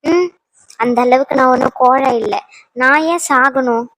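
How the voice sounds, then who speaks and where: A woman's voice: sits high, fairly bright tone, no room sound. Woman voicing a fed-up, strong-willed young wife. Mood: determined. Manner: emphatic, scolding, fast. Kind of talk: cartoon dubbing.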